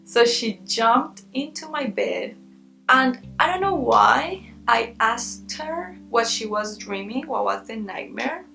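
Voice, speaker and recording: A woman's voice: a little high, expressive, takes it slowly, creaky, pushed and bright, poor audio. A woman telling a personal story casually to her viewers, dramatic and building tension. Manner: dramatic, builds tension and laughs between lines. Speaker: storytime vlogger.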